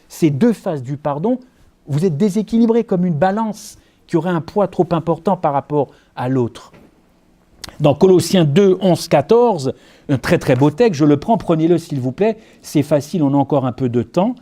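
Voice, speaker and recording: A man's voice: a little high, lively intonation, moderate pace, dark tone. A middle-aged man from France preaching a sermon, talking easily with the congregation through asides and rhetorical questions. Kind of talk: sermon with Bible study.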